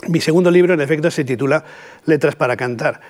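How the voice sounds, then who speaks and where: A slightly high-voiced, middle-aged man from Catalonia, with a Catalan Spanish accent, gives a contemplative poetry lecture. He speaks in a measured way, pausing and slipping in rhetorical asides.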